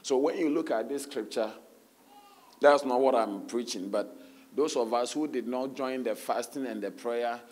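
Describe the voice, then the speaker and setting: A pastor with a hoarse voice, leading a loud, fervent prayer and then giving church announcements in a sermon. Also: male voice, medium pitch, moderate pace.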